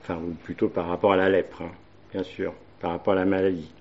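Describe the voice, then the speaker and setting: A man's voice: low voice, little pitch movement, quick pace, muffled recording, slight background noise. A man preaching a sermon, hesitating often with fillers and reading Bible verses aloud.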